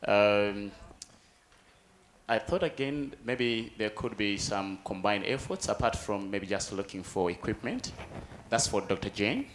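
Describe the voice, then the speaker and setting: A man from Malawi giving a measured, earnest comment to a panel. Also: fairly low pitch, animated. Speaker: audience participant.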